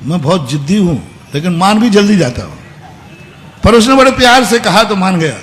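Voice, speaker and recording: A man with a high voice delivers a sermon, moving between hushed, confiding asides and loud, emphatic bursts as he tells a story. His voice carries a long reverb from a large hall, with a faint hum underneath. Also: sing-song, brisk. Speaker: Jain monk giving a discourse.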